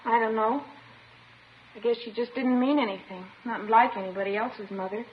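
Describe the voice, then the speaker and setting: In a muffled, noisy old 1950s radio recording, a woman with a fairly high, fairly even voice speaks at normal speed. She lightly acts the part of a sullen, defensive, childlike schoolgirl confessing to police in a radio crime drama, sounding petulant and emotionally detached.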